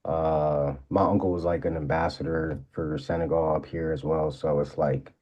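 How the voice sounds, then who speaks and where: A man's voice: very deep voice, flat delivery, moderate pace, mellow. A young man from Maryland, a guest rapper talking in a laid-back, slangy, rambling way with lots of fillers. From Maryland, USA. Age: young adult. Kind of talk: casual interview.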